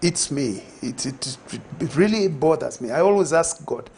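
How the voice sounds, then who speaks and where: An older Zambian-accented guest on a TV studio set speaks at a moderate pace in a voice on the high side, darkish in tone with lively intonation. His reflective, conversational interview answers, captured on a lapel mic with a little hiss or hum, are full of fillers and restarts.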